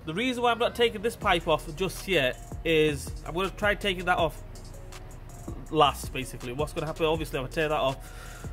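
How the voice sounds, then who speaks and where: Faint music plays behind a mechanic presenting a repair video, his voice on the high side, expressive, a little fast and slightly bright. His nose sounds blocked and stuffy as he chats casually, calling viewers "guys" while walking them through the car repair. He's recorded on a phone held close to the engine, giving informal how-to commentary as he works.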